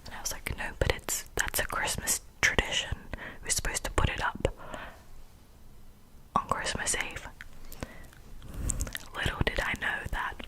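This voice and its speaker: Someone whispering ASMR secrets as if into a cupped hand, breathy and intimate, often softly repeating words and phrases. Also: a little slow, long pauses, poor audio. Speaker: ASMR video maker.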